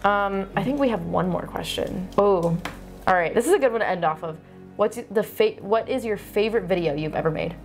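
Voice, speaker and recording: Woman, giggly and tipsy, casual Q&A chat, blunt, sweary, mid-pitched voice. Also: brisk, soft background music. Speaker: video creator, tarot reader. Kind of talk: casual question-and-answer chat.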